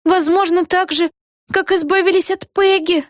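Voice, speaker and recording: A woman voicing an eager, brave young witch girl in an audiobook, with a high, lively and urgent delivery. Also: moderate pace, dry recording, clean studio sound. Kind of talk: audiobook character voice.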